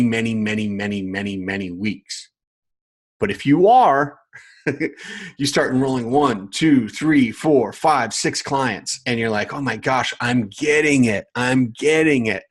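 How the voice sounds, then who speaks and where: A man coaching other coaches in a live online lesson, speaking at a plain middle pitch. He leans on emphatic repetition and keeps checking that his viewers follow along. He sounds like he is talking into a computer mic at home. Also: husky. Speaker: business coach.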